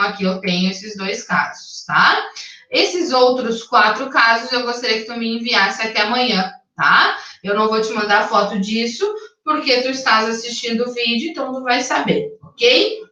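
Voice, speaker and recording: A woman English teacher, patiently explaining a recorded lesson, checking in often and reading English sentences slowly and carefully. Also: a little high, sharp tone. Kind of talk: recorded online class explanation. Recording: dull, echoey sound from a distance.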